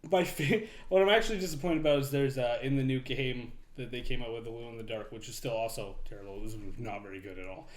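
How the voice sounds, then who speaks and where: A young man co-hosting a podcast, talking casually and bluntly, swearing and mocking things with animated retellings. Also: medium pitch, quick pace, few pauses. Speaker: podcast co-host. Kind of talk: casual chat. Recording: echoey room.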